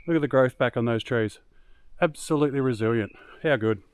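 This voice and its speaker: A man's voice: medium pitch, brisk. A man chatting casually as he films a 4WD camping vlog outdoors at a bush campsite. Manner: upbeat, chatty, relaxed.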